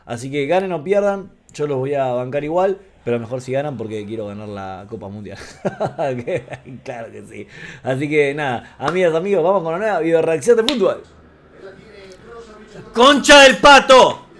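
A man with an Argentine accent giving a live, excitable reaction to a football match, talking straight to the screen. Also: medium pitch, brisk. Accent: Argentine Spanish. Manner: excitable, emotional, talks to the screen.

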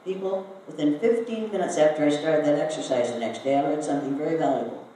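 In a very echoey hall with faint noise, a distant older woman from Iowa, United States, addresses a live audience. She speaks quickly in a warm, low-pitched voice, telling a story and asking her listeners questions.

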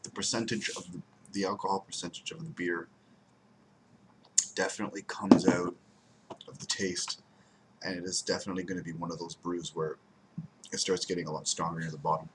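Indoors at home by the window blinds, a young man reviews a beer on a desk webcam, rambling and repeating words for emphasis. His low-pitched voice is brisk and level in tone, broken by frequent pauses. The audio is poor, with slight background noise.

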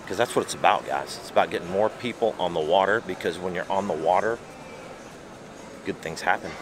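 A man's voice: deep voice, a little fast. Friendly man vlogging at arm's length. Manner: friendly, upbeat, says dude and man a lot. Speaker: pro bass angler vlogger. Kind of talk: casual vlog chat. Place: convention hall at a boat show, later a hotel room. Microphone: handheld camera at arm's length. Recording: noisy hall ambience. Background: hall ambience.

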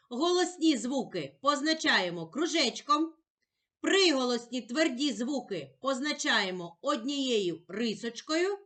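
Slow, sing-song woman teaching small children. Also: sits high. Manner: gentle, sing-song, drawing out sounds. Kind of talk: slow, clearly articulated lesson for young children.

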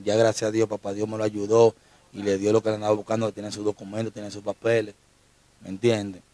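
A man's voice: fairly low pitch, monotone, brisk, mellow. A young Dominican man, an interview guest, telling an emotional personal story in slangy street talk. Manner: slangy, repeats street address terms.

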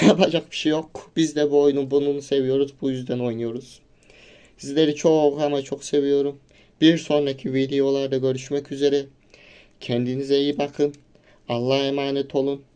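A man giving heated, excitable commentary over his own football video game, yelling at players and venting frustration. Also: a little high, clear, resonant tone. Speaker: gaming YouTuber. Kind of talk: live reactive gameplay commentary.

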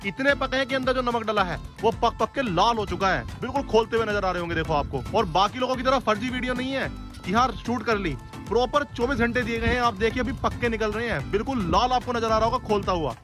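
A man's voice: extremely high pitch, quick pace, over music. A male food vlogger touring an outdoor factory, narrating eagerly to viewers and quizzing the workers. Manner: enthusiastic, addresses viewers as guys, asks workers questions. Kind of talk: on-location factory tour narration and interviewing.

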